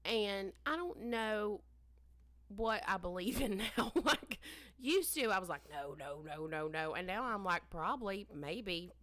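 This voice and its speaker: A woman's voice: mid-range voice, animated, unhurried, a bit bright, no room sound. A woman co-hosting a podcast, telling a story in a casual, rambling way that keeps doubling back on itself. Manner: rambling, self-interrupting, trails off. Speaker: podcast co-host. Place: basement room used as bar and storage.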